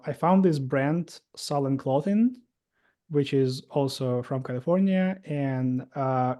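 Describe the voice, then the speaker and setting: With a warm, medium-pitched voice, this thirty-something man from Russia recounts his story as a guest in an interview. He has a Russian accent and stumbles along with frequent fillers and false starts.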